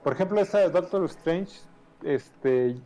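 A man from Mexico with a Mexican accent, a guest on a casual podcast, talking in a relaxed way and giving examples. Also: sits high, measured pace, faint music behind. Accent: Mexican Spanish.

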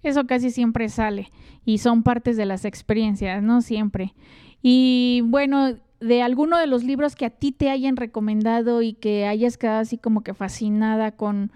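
A woman hosts a relaxed conversation. Her tone is mellow and warm, and she speaks in a slightly high register while asking easygoing questions and agreeing with her guest. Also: normal speed, smooth. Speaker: host. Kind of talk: casual chat.

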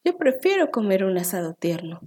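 A woman's voice: medium pitch, sing-song, moderate pace, darkish tone. A woman voicing a hungry, sly male fox who growls and gives orders in a storybook reading. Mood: impatient. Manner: growling, bossy.

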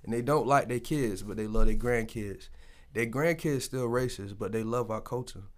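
A man's voice: mid-range voice, moderate pace. A man telling personal stories in casual, candid conversation, colloquial and peppered with swearing. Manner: colloquial, sweary, animated storytelling.

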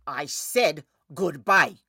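A woman's voice: low voice, sing-song, unhurried, gravelly, no room sound, studio quality, full character voice. An actress playing a stubborn woman who refuses to open her door, curt and defiant. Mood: angry.

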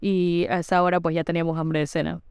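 A young woman with a Panamanian Spanish accent tells a travel story on a casual podcast. Her voice is very smooth and clear, recorded close and dry. She talks in quick bursts, often restarting her words. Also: lowish voice, flat delivery, darkish tone, dry recording. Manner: chatty storyteller, halting restarts. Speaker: podcast co-host. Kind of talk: casual chat.

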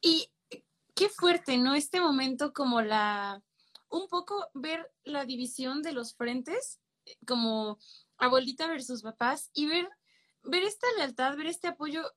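High-voiced woman interviewing. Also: expressive, takes it slowly. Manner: gentle, probing questions. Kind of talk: interview questions.

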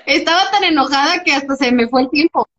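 A young Mexican woman co-hosting a podcast, telling a story in lively casual chat and acting out the voices of the people in it. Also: high-pitched, quick pace, highs cut off. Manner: animated, acts out quoted voices, laughs often. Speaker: podcast co-host.

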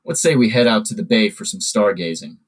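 A man voicing a commanding older mob godfather with a calm, measured menace. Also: fairly low pitch, breathy edge. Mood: sly.

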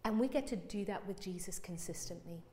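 A woman in her thirties preaching a sermon to a congregation, animated and self-mocking, acting out little quoted scenes. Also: mid-range voice, brisk, a little hiss or hum. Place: church hall with congregation. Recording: church hall with long reverb.

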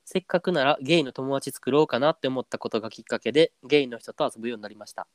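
A man's voice: medium pitch, rapid-fire, no echo. Easygoing Kansai man, dry close sound. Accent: Kansai Japanese. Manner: easygoing, drops into a stiff flat voice when trying standard speech. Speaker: podcast co-host. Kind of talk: casual chat and reading a listener letter aloud.

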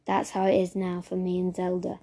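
A woman reading a children's story aloud as narrator, steady and even, with small slips. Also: fairly low pitch, brisk, a little hiss or hum.

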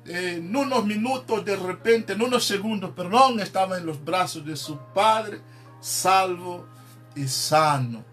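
A man preaching a sermon, emphatic and dropping in frequent amens. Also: sits high. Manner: emphatic, peppers speech with "amén".

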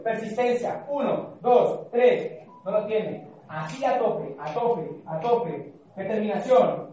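Male speaker, high voice, emphatic, lots of questions to the room; far from mic, big echo. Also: mellow. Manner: emphatic, questions the audience often. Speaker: motivational speaker. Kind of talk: live motivational talk to a group. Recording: echoey hall, off-mic.

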